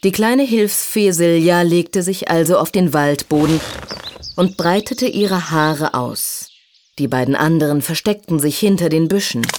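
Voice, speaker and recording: A woman reading a children's story aloud in an expressive, sing-song way. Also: lowish voice, unhurried, slight background noise.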